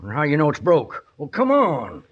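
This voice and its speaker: On a dull, noisy old radio recording, an actor voices a wily, ornery old outlaw with a broken leg in a western. His slightly high male voice swings hugely in pitch, using a folksy American Western drawl with halting exclamations, and he sounds gruff and pained.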